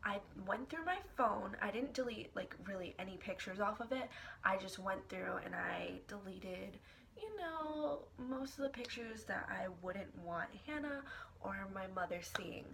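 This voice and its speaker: A young woman vlogger telling an embarrassing personal story in a dramatic, expressive way, swearing casually and with lots of filler words. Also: mid-range voice, measured pace, creaky, slight background noise. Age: young adult. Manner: casual, profane, filler-heavy. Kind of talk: storytime vlog.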